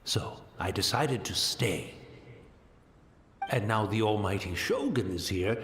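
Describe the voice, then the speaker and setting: A man's voice: fairly low pitch, expressive, takes it slowly, fairly bright tone, reverberant, slight background noise, heavily acted. An actor playing an elderly blind male tea master who speaks with courteous, formal wistfulness and tends to ramble. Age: older. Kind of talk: game voice acting.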